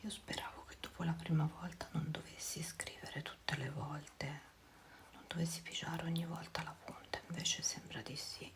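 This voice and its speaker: A woman speaking in a hushed whisper, giving casual ASMR commentary and musing to herself in short phrases. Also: low voice, level tone, moderate pace. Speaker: ASMR creator. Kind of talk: ASMR, casual commentary while writing labels.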